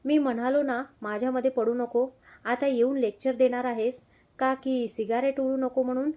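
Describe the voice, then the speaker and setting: A woman's voice: sits high, fairly even intonation, moderate pace, dark tone, close to an everyday voice. A woman voicing a short-tempered young husband who talks in snappish, irritable bursts in a read-aloud story. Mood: angry. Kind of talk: audio story reading.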